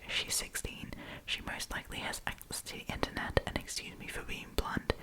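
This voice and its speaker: This is a poorly recorded clip of a female ASMR host telling a story. Her whisper is breathy, and she keeps things chatty and casual as she reads and adds comments.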